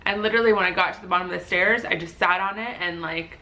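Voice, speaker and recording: Bright-voiced young woman telling a story. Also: lowish voice, quick pace. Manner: animated, acts out quoted voices, many fillers like "like". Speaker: vlogger and new mother. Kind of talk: casual storytelling.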